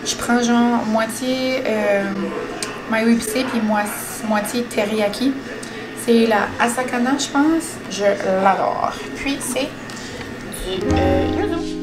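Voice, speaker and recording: A woman's voice: on the high side, takes it slowly, poor audio. Chatty Quebec French woman vlogging at home. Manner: chatty, excitable, mixes in English words. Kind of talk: casual vlog chat. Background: background music.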